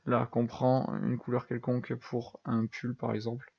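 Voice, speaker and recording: A man's voice: medium pitch, completely flat delivery, normal speed, gravelly, slightly rough, muffled recording. A young man giving casual, self-deprecating commentary over a building game, thinking aloud with lots of fillers. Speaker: gaming YouTuber.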